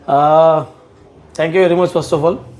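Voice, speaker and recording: A man's voice: fairly high pitch, fairly even intonation, normal speed, a little mellow. A middle-aged man from South Mumbai with a Marathi-influenced Indian English accent, mixing in Hindi words as he chats in an interview. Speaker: podcast guest, business partner. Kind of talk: conversational interview, recounting career.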